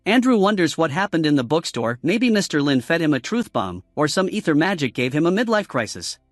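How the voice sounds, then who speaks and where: A man narrating a comic story recap in a smooth, wry scripted style. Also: a little high, very animated, fairly quick, dry recording. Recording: dry close voice-over with music.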